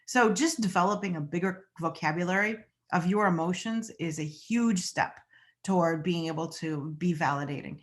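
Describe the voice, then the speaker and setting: A woman teaching about naming and validating emotions in a relaxed, conversational talk, often acting out quoted lines. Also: normal speed. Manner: conversational, acts out quoted lines with rising pitch. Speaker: mental health educator. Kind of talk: informal explanatory talk.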